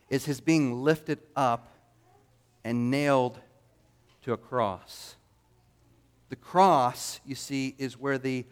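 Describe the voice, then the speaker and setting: Clear-voiced male pastor preaching. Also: mid-range voice. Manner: expository, emphatic preaching. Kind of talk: sermon.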